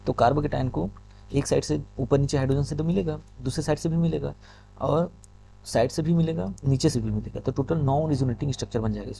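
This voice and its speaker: A man teaching a chemistry lesson from slides. He often checks in with "okay" and reads English passages slowly. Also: fairly high pitch, creaky, warm tone, a little hiss or hum. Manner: repeats "ठीक है", reads English lines slowly. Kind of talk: lecture explaining slides.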